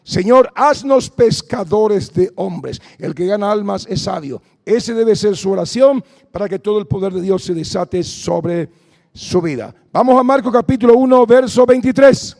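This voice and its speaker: Brief: male pastor, high gravelly voice, long hall reverb. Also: fairly even intonation, normal speed, darkish tone. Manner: fervent, exhorting, calls to the congregation. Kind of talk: Pentecostal deliverance sermon.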